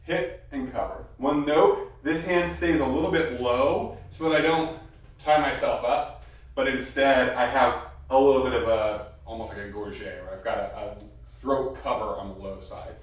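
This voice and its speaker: A man's voice: medium pitch, normal speed. Guy teaching martial arts basics step by step, short repeated cues, super echoey room, mic kinda far away. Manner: explains step by step with short repeated cue words. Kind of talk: instructional demonstration talk.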